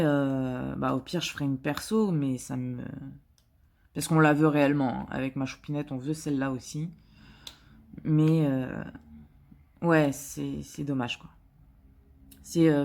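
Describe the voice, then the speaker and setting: A woman's voice: low voice, steady tone, unhurried, long pauses, a little mellow. A woman vlogger chatting casually while she works on a craft, hesitant, with many filler sounds and restarts, and joking at her own expense. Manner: chatty and self-mocking. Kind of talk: casual chat while diamond painting.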